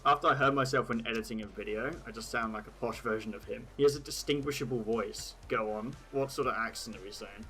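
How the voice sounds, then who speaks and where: English male streamer, casual rambling chat, bright sharp tone, light swearing, faint music under. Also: mid-range voice, fast, few pauses, rough recording. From England. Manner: rambling, swearing, laughing at his own jokes.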